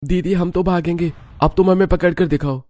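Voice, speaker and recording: A man voicing three mischievous little brothers in a cartoon story, using a high childish voice. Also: fairly even intonation, brisk, mellow, natural voice. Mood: teasing. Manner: taunting, high-pitched childish voice.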